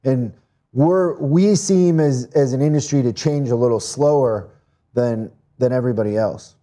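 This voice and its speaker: This is a casual interview on a podcast, where a man raised in Mexico talks business earnestly and often restarts his words. His voice sits at medium pitch, warm in tone, at a normal speed.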